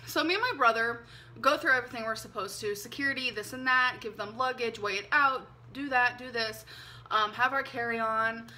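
This is a slightly high-voiced woman in her 20s, a vlogger seated indoors in her bedroom, recording through a camera mic as she faces the lens. Animated and talkative, she shares a personal story, using her hands as she speaks and filling gaps with plenty of "um" and "like."

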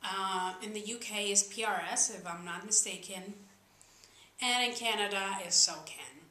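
A young woman from Spain, a singer-songwriter vlogger, chats casually to camera about songwriting in earnest but slightly uneven English with a Spanish accent. Her medium-pitched voice moves at a moderate pace with a bright, forceful tone. The small indoor room gives a roomy sound.

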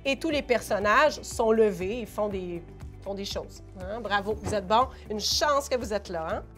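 A middle-aged woman with a Québécois French accent, an educator reading a picture book aloud in a lively, playful way and explaining it to parents. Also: medium pitch, measured pace, soft background music. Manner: animated, playful read-aloud with sound effects. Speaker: early childhood educator.

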